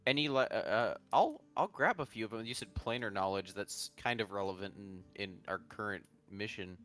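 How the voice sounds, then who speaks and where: A man's voice: lowish voice, a little fast, fairly bright tone. A man playing a tabletop game in casual talk, hesitant and repeating himself. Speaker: player.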